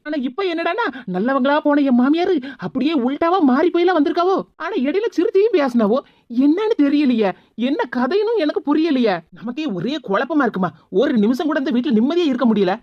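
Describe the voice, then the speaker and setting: A woman's voice: sits high, dry recording, lo-fi sound, pitched below the performer's own voice. A woman voicing a put-upon young daughter-in-law in a cartoon, grumbling to herself. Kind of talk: cartoon voice acting.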